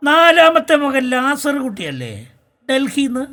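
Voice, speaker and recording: A man's voice: very high-pitched, big pitch swings, a little slow, pushed and bright, full character voice. A young man playing a mocking care-home resident. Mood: sarcastic. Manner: sarcastic, mocking. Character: sharp-tongued old-age home resident. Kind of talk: stage comedy drama.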